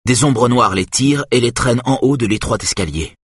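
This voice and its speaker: A man reading a thriller audiobook in a steady, measured narration. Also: medium pitch, breathy edge, no echo, studio quality.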